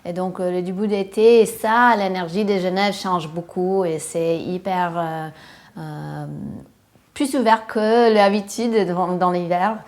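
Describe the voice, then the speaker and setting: A woman's voice: fairly low pitch, fairly even intonation, unhurried, a little mellow. Hesitant woman speaking French. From western United States. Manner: hesitant, frequent fillers, searching for words in a second language. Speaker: interviewee. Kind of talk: casual personal account.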